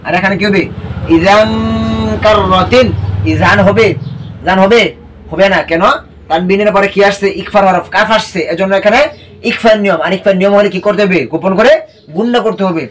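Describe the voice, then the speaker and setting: High-voiced man teaching Quran recitation. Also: quick pace. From Bangladesh. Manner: asks questions and answers them himself, spells out letters, repeats. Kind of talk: online recitation lesson.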